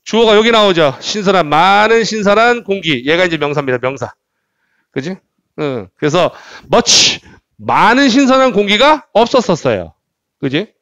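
Animated male English teacher lecturing. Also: high voice, moderate pace, no room sound. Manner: animated, repeats words and asks rhetorical questions. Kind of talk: classroom lecture.

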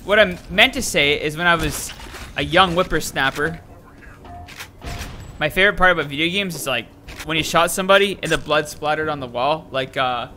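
A young adult man with a fairly high voice streams a shooter from a desk in a small room, wearing a headset. He gives excitable, jokey let's-play commentary at a moderate pace and talks back to the game. There is a little hiss or hum.

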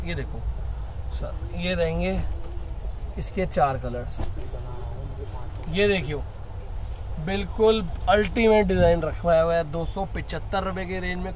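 A man selling wholesale suits in a sales pitch video, with pushy patter that keeps calling the viewer brother, recorded in a fabric shop. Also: darkish tone, low-quality recording. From India. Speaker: wholesale suit seller.

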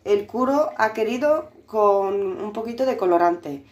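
A woman's voice: mid-range voice, animated, measured pace. A woman, co-host of a home cooking show, chatting casually and using fond diminutives as she cooks.

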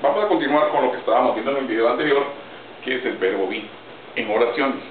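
A man teaching English grammar in Spanish, slow and deliberate, spelling out each example word by word. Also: mid-range voice. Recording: roomy, distant, phone-like audio with faint noise.

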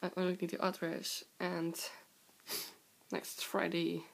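Young woman doing a casual vlog, sore throat and stuffy cold, creaky, takes her time. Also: lowish voice, monotone, slow pace. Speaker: video host. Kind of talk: casual show-and-tell vlog. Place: indoor room with wooden floor. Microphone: handheld camera close by.

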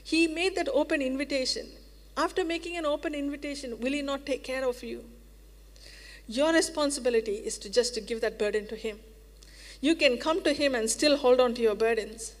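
A woman's voice: high voice, fairly quick. A woman preacher giving a sermon in an earnest, reassuring way, repeating phrases for emphasis. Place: church hall. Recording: reverberant church hall.

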